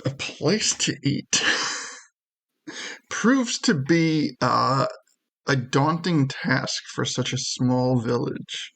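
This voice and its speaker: Slow, gravelly game master. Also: male voice, mid-range voice, expressive, a bit bright. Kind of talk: narrating a tabletop game.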